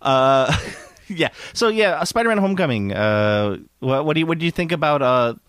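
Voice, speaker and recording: A man's voice: a little high, big pitch swings, moderate pace, fairly bright tone, clean tone, no room sound, clean studio sound. A man co-hosting a casual movie chat, rambling and laughing often, restarting his sentences.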